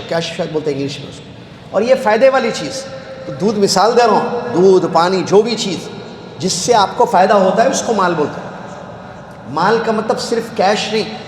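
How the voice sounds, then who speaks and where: A man teaching a classroom lecture, asking his students questions and answering them himself, repeating key words. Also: high-pitched. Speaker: Islamic studies teacher. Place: lecture hall. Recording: echoey hall with faint background noise.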